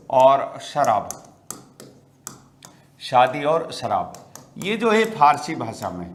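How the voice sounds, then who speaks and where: A middle-aged man with a voice on the high side gives an exam-prep grammar lecture, frequently posing rhetorical questions and repeating key words for emphasis.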